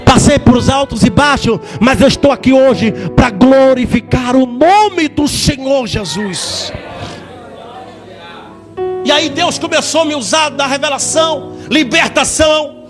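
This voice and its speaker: A man giving a fervent church testimony in a sing-song preaching manner, repeating words and rising to shouts. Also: very high-pitched, normal speed, over music.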